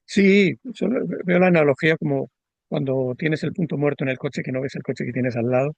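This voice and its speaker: A man speaking as an astrologer in a reflective explanatory conversation, measured, often repeating words and checking with a questioning tag. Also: a little high, vocal fry, no room sound, muffled recording.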